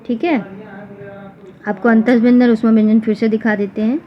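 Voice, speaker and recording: A woman teacher explaining a grammar lesson for exam students, repeating example sounds slowly one by one. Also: a little high, level tone. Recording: dull lo-fi recording with faint noise.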